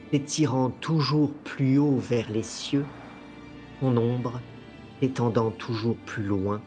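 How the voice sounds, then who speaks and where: A man works as game master, telling a tabletop fantasy story. His voice is medium in pitch and theatrical, unfolding slowly and deliberately over soft music. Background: soft music bed.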